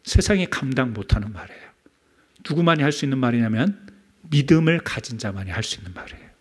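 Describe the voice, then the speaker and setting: A man preaching a sermon in a church, asking the congregation questions and dropping from loud emphasis to near-whispers. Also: medium pitch, animated, quick pace, slightly rough. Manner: asks the congregation rhetorical questions. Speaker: pastor. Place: church sanctuary.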